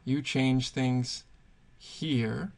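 A man's voice: medium pitch, very slow, gravelly. A man teaching Spanish verb conjugations, patiently thinking aloud and pointing things out as he writes. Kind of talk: explaining grammar at a whiteboard.

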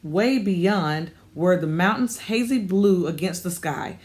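A woman with a fairly low voice narrates an audiobook, her storytelling calm and even. She reads steadily, letting the scene unfold without hurry. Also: slow pace. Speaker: audiobook reader.

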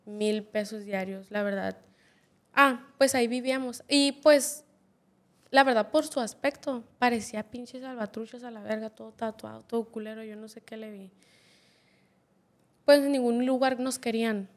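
A young Mexican woman in her twenties with a somewhat high voice, talking as a podcast guest. She tells her story candidly and bluntly, peppering every sentence with slang and curse words. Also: normal speed. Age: 20s. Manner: blunt, swears constantly, slangy.

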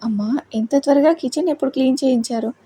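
A woman's voice: high voice, fast talker, dark tone, slight background noise, natural voice. A woman with a Telugu accent voicing a feisty, indignant young wife in a storybook reading.

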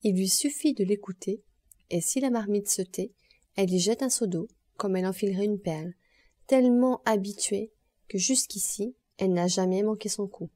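A woman narrating an audiobook in a calm, measured reading voice. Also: mid-range voice, no echo. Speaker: audiobook reader.

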